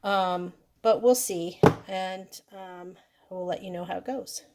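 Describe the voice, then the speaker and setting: A woman product reviewer does a casual, unscripted demo, walking through each step conversationally. She speaks slowly in a lowish, steady voice, and the recording is clearly noisy with clicks.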